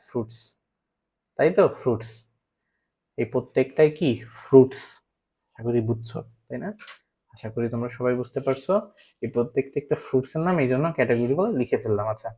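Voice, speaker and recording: A man's voice: mid-range voice, darkish tone. Bangladeshi guy teaching english to kids, asks then answers himself, kinda dull lo-fi sound, mid voice. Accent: Bangladeshi Bengali. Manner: asks students questions and answers them himself. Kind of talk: online class lecture. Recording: slightly dull lo-fi recording.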